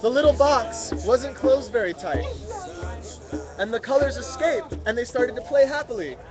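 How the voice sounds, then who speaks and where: In a dull-sounding outdoor mobile stream, a very high-voiced man reads a story to a live group at a moderate pace. He gets his listeners to fill in words as he goes, while music, chattering crowds, and street sounds carry on behind him.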